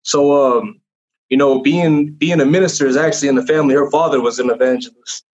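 A man's voice: mid-range voice, steady tone, fairly quick, a little mellow. A young man tells his personal testimony in a casual chat, in an earnest, rambling way with many fillers and restarts. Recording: dull lo-fi sound.

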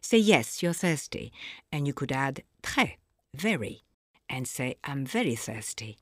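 A woman narrating a scripted audio language lesson, explaining phrases slowly and clearly for the listener to repeat. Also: very deep voice, very animated. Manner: slow, clear teaching delivery with pauses for repetition.

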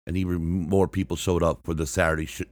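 A man's voice: low voice, flat delivery, fast talker, darkish tone, dry recording. A man hosting a podcast, reading music history aloud from a script, often stumbling and restarting words and marking quotes with "and I quote". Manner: reads from a script with frequent restarts and self-corrections. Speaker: podcast host.

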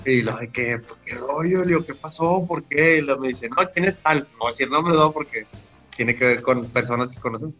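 A man's voice: mid-range voice, fairly quick, bright, forceful tone, faint music behind. A young man with a Mexican accent telling a long, rambling story in slangy casual chat on a podcast. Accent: Mexican Spanish. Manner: rambling, slangy, full of restarts. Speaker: podcast guest.

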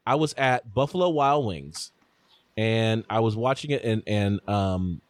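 A man's voice: fairly low pitch, unhurried, dry recording. A man hosting a casual sports podcast, leading the chat and telling stories with restarts. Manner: animated, talks through stories with restarts. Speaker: podcast host.

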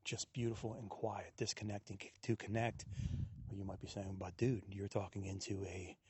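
A man hosting a podcast, musing aloud in a soft-spoken reflective monologue while walking a quiet wooded trail, captured on a handheld digital recorder without a windscreen. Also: fairly low pitch, little pitch movement, moderate pace, noisy background. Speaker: podcast host. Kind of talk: reflective solo monologue on a walk. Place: outdoors on a quiet wooded trail in a state park.

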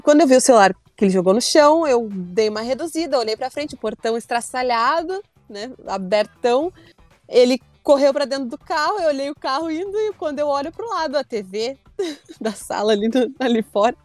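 High, lively young woman telling a story. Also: brisk, dry recording, faint music behind. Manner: animated, acts out her own shouts and quotes. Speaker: storyteller guest. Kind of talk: casual storytelling chat.

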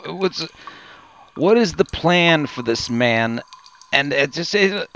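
A man improvising a comedy sketch, exasperated and deadpan. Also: on the high side, slow pace, gravelly. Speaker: comedy podcast co-host.

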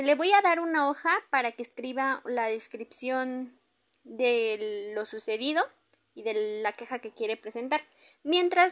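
A high-pitched female official with a Mexican accent , acted by a woman in a role-play. She has a formal, courteous customer service voice. She asks things politely and procedurally. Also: a bit bright.

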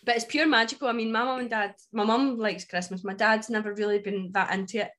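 A woman's voice: a little high, steady tone, fast, fairly bright tone. Broad Scottish woman, chatty storyteller. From Scotland. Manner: broad Scots speech, informal and candid. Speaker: book club podcast co-host. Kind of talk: casual chat, personal storytelling.

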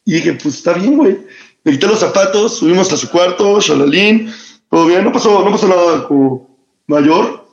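A young man with a Mexican accent chats casually, full of slang and quick laughs. His voice sits high for a man. The room around him echoes noticeably. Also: expressive, lo-fi sound. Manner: slangy, storytelling, laughs often. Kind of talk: casual chat.

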